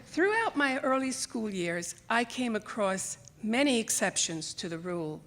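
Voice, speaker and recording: An older woman reads her personal essay to an audience on a library theater stage, pacing herself in a measured way with a voice on the high side. She came to the U.S. from Greece as a child, spoke Greek or Italian first, and brings the story alive by acting out recalled dialogue.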